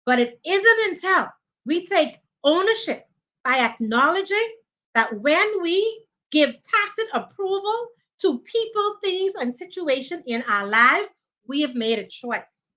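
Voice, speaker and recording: A woman's voice: very high-pitched, lively intonation, a little slow, pushed and bright. A woman in her thirties giving an earnest, preaching motivational talk on a live stream, thanking viewers by name as she coaches them. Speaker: life coach hosting a live training.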